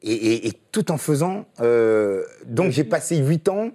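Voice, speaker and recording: A man's voice: medium pitch, big pitch swings, a little slow, mellow. A man, a voice actor, telling anecdotes in a casual, rambling way with many hesitations. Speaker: voice actor guest.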